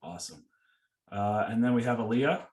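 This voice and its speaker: A man's voice: on the low side, normal speed, darkish tone, recorded from a distance. Easygoing man hosting in an echoey room. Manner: easygoing, with frequent "uh" and "um". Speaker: host of a school information session. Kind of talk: moderating a video-call panel. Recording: echoey room, away from the mic.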